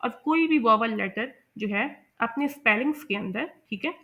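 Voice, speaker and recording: A woman teaching English pronunciation, explaining step by step, repeating words slowly and checking in with her learners. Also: fairly high pitch, expressive, lo-fi sound. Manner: patient, repeats words slowly, often asks "ठीक है?". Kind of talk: explaining a lesson from slides.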